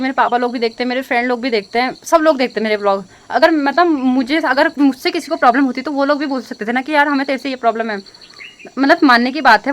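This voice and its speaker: A young woman vlogger talking to her phone camera in a casual, upset way, rambling with many fillers and restarts. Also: sits high. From India. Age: young adult. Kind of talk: casual emotional vlog talk to camera.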